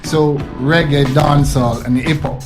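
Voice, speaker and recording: A young Jamaican man speaking in a slightly high register. He answers interview questions thoughtfully, stumbling over and repeating words as he works out what he means. Clear music plays underneath him. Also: fairly even intonation, measured pace. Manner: thoughtful, repeats words while searching for phrasing. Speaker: rapper, interview guest. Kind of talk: casual interview chat.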